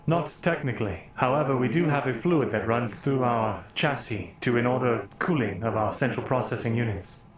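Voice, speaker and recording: A man voicing a calm, overly smooth android soldier, speaking in formal, even, unemotional machine phrasing. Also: medium pitch, normal speed, hardly any pauses, lightly acted. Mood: smooth, flat. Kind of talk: voicing a character in a tabletop roleplay. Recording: echoey room with faint music.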